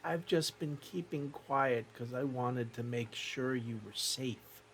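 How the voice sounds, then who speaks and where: Man playing a soft, slow little magical creature. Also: mid-range voice, a little hiss or hum. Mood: gentle, hesitant. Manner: soft, halting, earnest. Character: small timid gentle magical creature, once kept boxed. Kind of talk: tabletop role-play acting.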